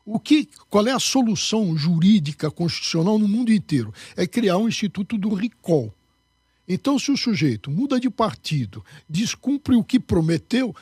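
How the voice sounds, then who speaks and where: Emphatic man, dark husky voice. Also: high-pitched, no echo. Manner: emphatic, lecturing. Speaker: interview guest, candidate. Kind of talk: political interview answers.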